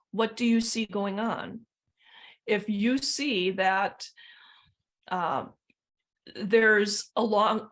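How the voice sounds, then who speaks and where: A woman trainer with a medium-pitched voice answers questions informally in an online workshop. She explains things and offers practical suggestions.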